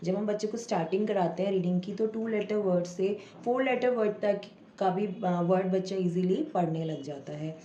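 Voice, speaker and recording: A woman's voice: mid-range voice, mellow. Patient woman teaching parents, echoey room. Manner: patient, explanatory, sounds out word parts slowly. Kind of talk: home tutorial for parents. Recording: echoey room with faint background noise.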